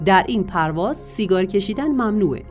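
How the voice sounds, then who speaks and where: A woman voicing a calm, courteous flight attendant who answers briefly. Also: medium pitch, soft background music, lightly acted. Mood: polite.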